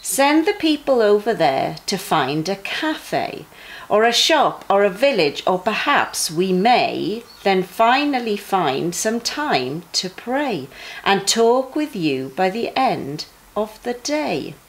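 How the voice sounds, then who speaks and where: A middle-aged woman reads Bible stories aloud to young children at bedtime for a junior church, with a low-quality recording. Her pitch swoops up and down in a very animated way, though her pace stays slow and measured, and she gives her phrasing the emphatic flair of an expressive storyteller.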